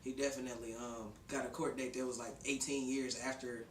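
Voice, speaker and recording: A man's voice: medium pitch, flat delivery, a little fast, roomy sound, slight background noise. A young man hosting a casual podcast chat, laughing often and steering the segments. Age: young adult. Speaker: podcast host.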